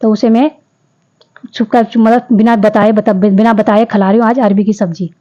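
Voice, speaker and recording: A woman's voice: medium pitch, flat delivery, moderate pace, warm tone, lo-fi sound. A woman in her fifties narrating her home vlog in a chatty, homely way, speaking straight to her viewers. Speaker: vlogger. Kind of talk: casual vlog voice-over narration.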